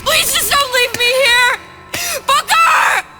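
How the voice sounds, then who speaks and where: An actress playing an emotional, determined young heroine in a dramatic video game. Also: female voice, high-pitched, animated, measured pace, music in the background. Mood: desperate, pleading.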